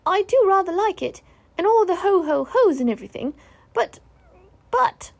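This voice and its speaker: A woman's voice: very high-pitched, sing-song, moderate pace, vocal fry, pitched above the performer's own voice, exaggerated voice. A woman voicing a small, timid young male piglet in a children's storybook, eager and earnest but hesitant.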